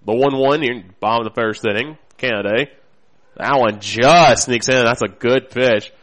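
A man's voice: medium pitch, moderate pace, fairly bright tone. American male baseball play-by-play voice. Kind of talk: live sports commentary.

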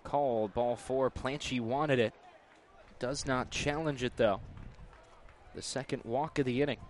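Male baseball announcer over clear outdoor noise. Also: medium pitch, fairly even intonation, a little slow. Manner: clipped, terse phrasing. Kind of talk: live play-by-play sports commentary. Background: outdoor ballpark ambience.

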